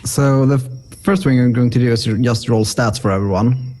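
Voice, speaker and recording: Mellow-voiced man running the game. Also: mid-range voice, moderate pace. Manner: calm, questioning, practical. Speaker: game master. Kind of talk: casual chat among players.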